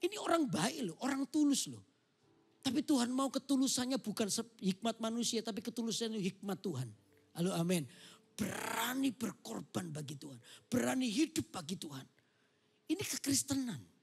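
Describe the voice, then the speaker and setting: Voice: mid-range voice, very animated, moderate pace, creaky, breathy edge. A pastor preaching a sermon, calling the congregation for amens and acting out Bible scenes in dialogue. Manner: acts out scenes, calls for amens.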